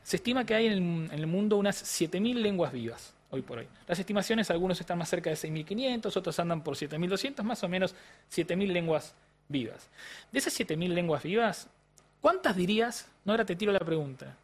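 A man's voice: high voice, lively intonation, brisk. A man with an Argentine accent answering interview questions as a language researcher, explaining in a didactic way and often checking in with the listener. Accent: Argentine Spanish. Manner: frequent restarts and hesitations. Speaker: language neuroscientist guest.

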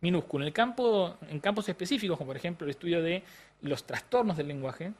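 A man's voice: fairly high pitch, expressive, fast. A man with a Rioplatense Spanish accent, explaining science in a didactic interview style with frequent tag questions. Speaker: neuroscientist guest.

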